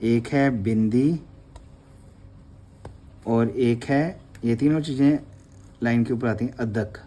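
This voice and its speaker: Slow patient man teaching letters. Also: medium pitch, mellow. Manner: slow, patient, drawn-out letter sounds, calls listeners sangat ji. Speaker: Gurmukhi teacher. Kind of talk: slow classroom explanation with prayer.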